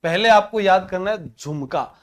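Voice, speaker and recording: Male tutor, high and smooth voice, playful mnemonic drilling for exam prep. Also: normal speed. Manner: playful, drills terms by repetition. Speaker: teacher.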